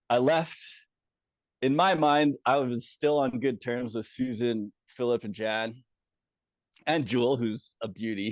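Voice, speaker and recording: Animated man telling a story, dull dry sound. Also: mid-range voice, no echo. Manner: animated, swears freely, chuckles through his story. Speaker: former community moderator telling his story. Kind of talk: casual first-person storytelling.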